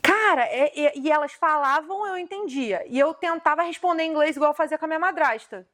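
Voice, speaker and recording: A woman from Brazil, hosting a casual chat, telling animated, slangy stories and acting out the dialogue. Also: high voice, fairly quick. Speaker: host.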